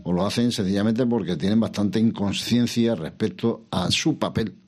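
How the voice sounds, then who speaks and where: An older man answering interview questions about politics in a measured, reflective way, pausing and restarting, asking himself questions. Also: lowish voice, a little mellow, breathy edge. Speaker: interview guest, former regional president.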